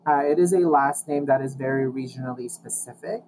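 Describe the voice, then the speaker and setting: A man in his thirties from the Philippines, a professor speaking as a podcast guest, answering in a measured, reflective way over a remote line. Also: mid-range voice. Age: 30s. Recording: steady background noise.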